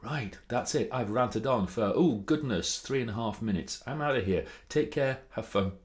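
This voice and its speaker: In an informal to-camera talk, a British presentation coach from a video series shares advice. His voice sits at medium pitch, lively and moderately paced, and he comes across as chatty and theatrical with strong emphasis.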